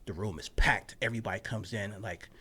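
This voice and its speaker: A young male sports journalist, speaking quickly with a breathy edge, tells an animated story in a casual podcast chat packed with fillers. His voice drops low whenever he quotes his own thoughts. He's outdoors on a college campus.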